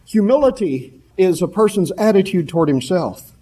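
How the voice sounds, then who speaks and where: A man delivers a sermon in a fairly high voice with a soft, mellow tone. He builds emphatic, repeated phrases and slows right down when he quotes scripture. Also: very animated. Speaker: preacher.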